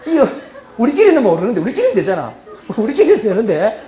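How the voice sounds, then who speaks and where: In a roomy lecture hall with a little background noise, a middle-aged Gyeongsang man delivers a humorous university talk in his region's accent. His voice is high, sing-song and slightly mellow. He chats and teases, constantly checking in with his audience through "예?" and "어?".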